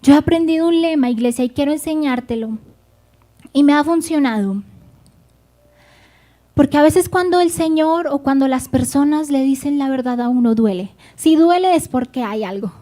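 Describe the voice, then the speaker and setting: A woman's voice: high voice, normal speed, dark tone. A woman preaching a sermon, speaking fervently and addressing the congregation directly.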